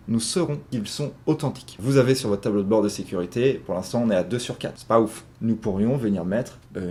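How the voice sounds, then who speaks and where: A man's voice: fairly low pitch, warm tone, a little hiss or hum. A man walking viewers through a screen-recorded tutorial, explaining step by step with frequent fillers, recorded indoors at a computer. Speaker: tutorial host.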